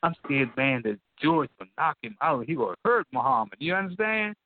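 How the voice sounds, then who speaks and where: An older man tells a story in an animated, folksy way, his high voice climbing and falling. The sound is dry and squeezed through a tinny phone line. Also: moderate pace, no room sound. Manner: animated, repetitive, folksy, speaks directly to the listener. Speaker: guest telling a story. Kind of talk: excited storytelling.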